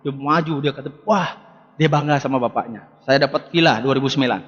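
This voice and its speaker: A man's voice: medium pitch, a little fast, noisy background. A man in his forties giving an emphatic seminar speech to a live audience, repeating rallying words and addressing the crowd directly. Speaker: motivational business speaker. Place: large hall with live audience. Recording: echoey hall, dull lo-fi sound.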